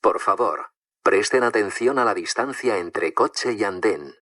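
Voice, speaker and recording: A man giving a formal, measured recorded safety announcement, played over a train's PA loudspeaker. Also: lowish voice. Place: inside a commuter train. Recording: distant voice from a loudspeaker, away from the mic.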